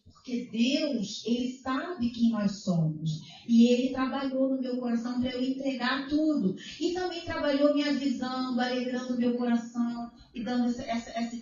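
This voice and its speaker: A middle-aged woman testifies before her congregation, her voice sitting a little high and animated as she retells conversations. She sounds distant from the microphone, washed in heavy church-hall echo. The recording has a dull, muffled tone. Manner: emotional, retells dialogue, exclaims praise. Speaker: church member giving testimony.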